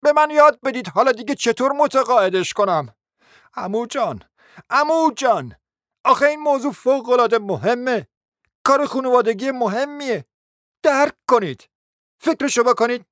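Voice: mid-range voice, expressive, fairly bright tone, no echo, studio quality, pitched above the performer's own voice. A reader doing an earnest, pleading young suitor. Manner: pleading, urgent.

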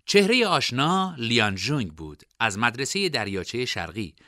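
A man narrating a scripted storybook in an expressive reading style. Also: mid-range voice, no room sound, clean studio sound.

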